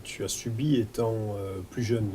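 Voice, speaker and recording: A male interviewer asking short questions in a soft-spoken way. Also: lowish voice, fairly even intonation, a little slow, a little hiss or hum.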